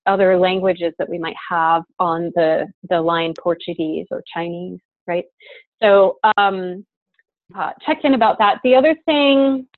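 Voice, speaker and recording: A mid-range female voice runs an online course over video call, earnest and full of fillers. There's no room sound; the recording is dry, like phone call audio.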